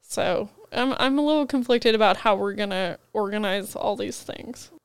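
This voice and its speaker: A woman's voice: medium pitch, moderate pace, clear, resonant tone, no room sound. A woman with a cold, co-hosting a book podcast and chatting casually about what she is reading. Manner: chatty, rambling book rundowns with frequent "like". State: has a cold, head foggy.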